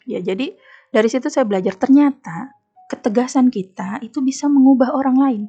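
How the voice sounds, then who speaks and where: A woman's voice: high voice, brisk, slightly rough, highs cut off, faint music behind. A woman with an Indonesian accent, speaking as a guest on an Islamic women's talk show and telling stories with emphasis. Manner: emphatic, animated storytelling with acted quotes.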